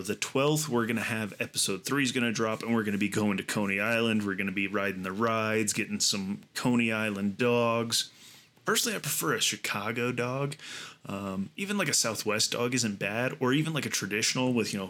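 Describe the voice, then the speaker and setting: Animated man ranting on a gaming podcast. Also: lowish voice. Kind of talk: casual gaming podcast talk.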